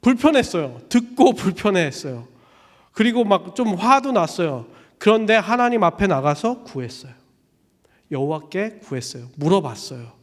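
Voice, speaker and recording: A man's voice: sits high, big pitch swings, normal speed, big-room sound. A man preaching a Sunday sermon as pastor, in a casual, conversational way with many fillers, animatedly acting out little dialogues. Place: church sanctuary.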